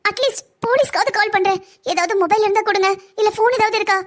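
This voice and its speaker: Woman voicing a pleading young wife, very high-pitched. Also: fast talker. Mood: desperate. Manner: pleading, tearful. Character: young married daughter, frightened and pleading. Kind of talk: cartoon story voice acting.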